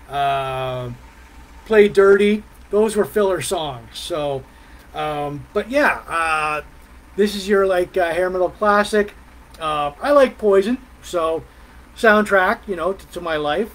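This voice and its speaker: A middle-aged man, chatting casually as a live vlog host in a halting, meandering way. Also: sits high, a bit bright, poor audio. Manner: halting, meandering delivery with pauses and mm sounds. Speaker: host of a live music and beer review vlog. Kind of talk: casual rambling live chat. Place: small decorated room at home, indoors.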